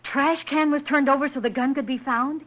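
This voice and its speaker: A woman's voice: high-pitched, fairly even intonation, normal speed, natural voice. A woman playing an earnest, loyal young woman in an old radio crime drama, imploring and full of feeling. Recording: muffled vintage radio recording.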